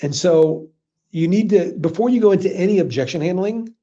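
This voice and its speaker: Energetic male sales trainer on a call. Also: high-pitched, brisk, lo-fi sound. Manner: energetic, conversational, acts out customer dialogue. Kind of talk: live webinar sales training. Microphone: video call.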